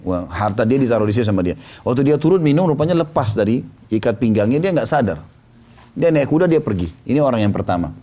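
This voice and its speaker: A middle-aged man preaching, telling a story and acting out the voices of the people in it. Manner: lively storyteller acting out quoted voices, pitch rising and falling. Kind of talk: storytelling sermon.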